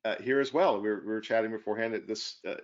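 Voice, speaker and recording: Low-voiced male host, friendly casual interviewer, dull audio. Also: very fast. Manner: friendly, restarts phrases.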